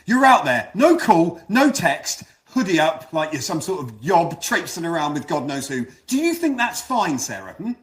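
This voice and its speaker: An actor playing an angry, troubled father who shouts at his family. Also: on the high side, very animated, moderate pace, few pauses. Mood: furious. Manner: shouting, bitter, volatile. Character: angry troubled British father, a police officer.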